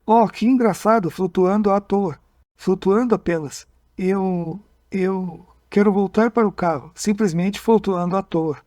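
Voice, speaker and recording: A dazed hypnotized man reliving a strange night on a dark road, halting and stumbling over his own words, as a man reads him aloud. The voice sits fairly high and dry, with no room around it. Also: dry recording. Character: frightened man reliving an abduction under hypnosis.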